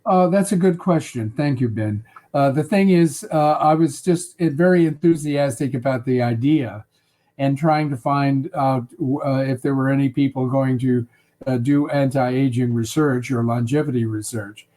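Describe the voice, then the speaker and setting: A man in his eighties answering interview questions in a halting way, full of filler sounds and restarts. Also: mid-range voice, mellow. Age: 80s. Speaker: interview guest.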